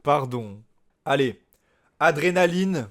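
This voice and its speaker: A man, a little higher-voiced than most, talks through a live reaction to new music. He is excitable and slangy and keeps saying how stunned he is. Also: slow. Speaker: streamer reacting to a rap album.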